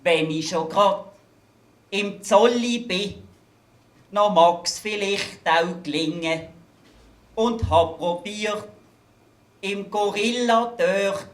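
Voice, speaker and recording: A man's voice: sits high, fairly bright tone. A man with a Basel Swiss German accent performing satirical carnival verses on stage. He lands his punchlines in a dry, wry way. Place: event stage in a hangar. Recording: roomy hall echo.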